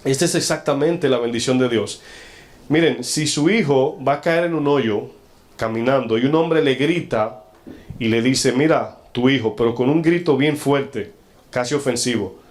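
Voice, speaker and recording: This is a stern, confrontational sermon from a male pastor with a mid-range voice. He throws rhetorical questions at the congregation, easing his pace as he reads scripture aloud.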